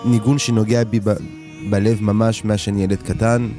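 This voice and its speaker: A man's voice: fairly low pitch, little pitch movement, warm tone, soft background music. A man with a French accent in Hebrew, talking casually as a singer being interviewed on the radio. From France. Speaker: singer, studio guest.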